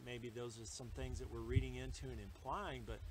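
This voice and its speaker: Pastor-type man, mid pitch, preaching with lots of stops and restarts, faint room noise. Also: fairly even intonation. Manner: halting, many fillers and restarts. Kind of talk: sermon.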